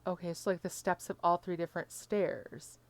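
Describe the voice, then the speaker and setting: A woman's voice: fairly low pitch, steady tone, moderate pace. A woman commentating casually on a game as a streamer, reading dialogue choices aloud. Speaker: gaming streamer.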